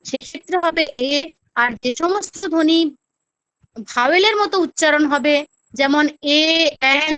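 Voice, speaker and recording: A woman with a high, bright voice teaches a class, patiently putting questions to her pupils and then answering them herself. The sound is close and dry. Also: no room sound. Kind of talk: demo classroom lesson.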